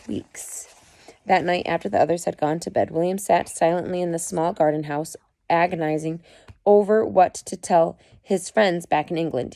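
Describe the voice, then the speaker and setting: At home, a mother reads to her children in a low-leaning voice with vocal fry and a warm tone, captured without any room sound. She keeps breaking off in a chatty way to explain and comment for her listeners.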